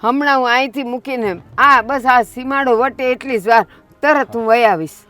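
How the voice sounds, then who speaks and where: A woman's voice: fairly high pitch, normal speed, soft background music. A woman playing an elderly village mother in a short film, pleading. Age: older. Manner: pleading, urging others to speak quietly.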